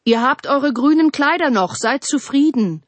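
A woman's voice: high voice, lively intonation, moderate pace, dry recording, voice pushed up. A woman reading a grumbling old autumn spirit. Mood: calm refusing.

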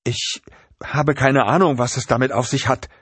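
A man's voice: fairly low pitch, animated, moderate pace, breathy edge, no echo, voice pushed up. A male narrator voicing a frightened woman captive who pleads in tears. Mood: tearful pleading. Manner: pleading, tearful.

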